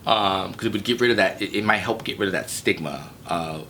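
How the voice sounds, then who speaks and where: A man speaking as a guest in a casual interview, playful and animated, jumping into high exclamations. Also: fairly quick, a little hiss or hum. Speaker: guest from an HIV advocacy group.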